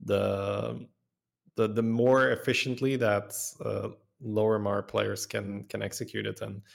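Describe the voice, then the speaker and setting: A man with a low, gravelly voice talks through game strategy in a casual podcast chat. He sounds measured and thoughtful, working his way toward his point. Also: level tone. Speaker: co-host discussing game patch.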